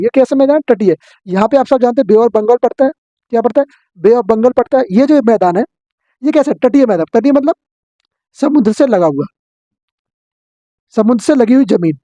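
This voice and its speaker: Fast-talking male teacher, dull lo-fi sound. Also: extremely high pitch, lively intonation, warm tone, dry recording. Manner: drilling with quick questions and answers. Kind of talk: exam-prep geography lesson.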